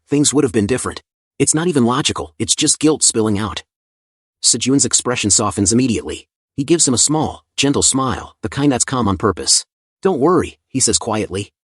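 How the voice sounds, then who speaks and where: A husky, medium-pitched male voice, recorded at studio quality with no room sound, narrates a comic story recap. The style is casual and conversational though scripted, with chatty asides.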